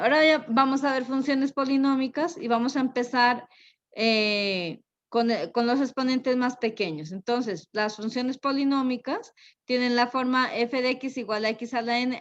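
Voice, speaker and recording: A woman teaching a math lesson, unhurried and thinking aloud, often checking in with a quick tag question. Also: a little high. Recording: dull lo-fi recording.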